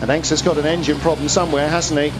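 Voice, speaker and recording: High-pitched male motorsport commentator over loud engine noise. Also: little pitch movement. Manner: running play-by-play with questions and quick self-corrections. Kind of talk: live motor racing commentary. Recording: loud car and trackside noise behind.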